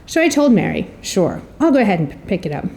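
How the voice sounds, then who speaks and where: A middle-aged woman delivers a prepared introduction, telling stories with articulate, wry, slightly theatrical flair. Her mid-range voice moves in a fast, sing-song rhythm with a darkish tone.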